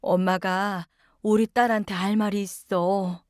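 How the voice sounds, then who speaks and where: A woman voicing a frail elderly mother just waking from a coma, speaking weakly, slowly and tenderly. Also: medium pitch, fairly even intonation, no echo, clean studio sound, close to an everyday voice. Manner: weak, slow, tender. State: weak, just awakened.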